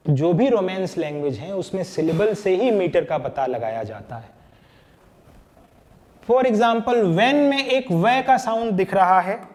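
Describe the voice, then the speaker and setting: A man's voice: sits high, darkish tone. A man teaching a lesson on poetry, patiently counting out syllables and stresses one by one. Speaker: literature teacher.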